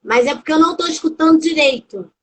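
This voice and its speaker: A woman's voice: high-pitched, fast, rough recording. A woman interviewing a guest over a video call, asking plain questions and cutting in mid-answer.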